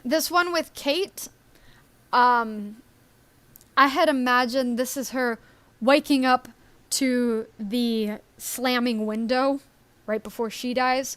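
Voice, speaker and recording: A woman's voice: on the high side, a bit bright. A woman co-hosting a casual live stream, talking in a chatty, rambling way with many ums and little laughs. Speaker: story creator and stream co-host.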